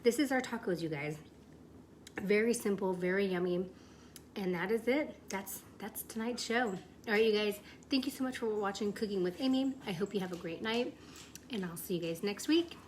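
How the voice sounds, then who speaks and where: A woman with a medium-pitched voice hosts a home cooking show, talking her viewers through each step in a chatty, enthusiastic way. She is in a home kitchen with clear noise audible behind her. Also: normal speed, a little mellow. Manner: chatty, enthusiastic, addresses viewers as "you guys". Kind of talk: casual cooking demonstration.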